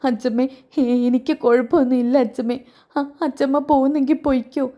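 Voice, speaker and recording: A woman voicing a grieving young woman who speaks softly and tearfully. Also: sits high, steady tone, fairly quick, close to an everyday voice. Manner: tearful, soft.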